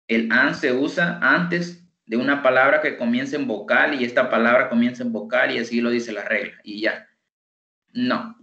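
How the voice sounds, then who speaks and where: A man with a Salvadoran Spanish accent teaching an online English class, slowly repeating words for pronunciation practice. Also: mid-range voice, bright, forceful tone. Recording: dull, echoey online call audio.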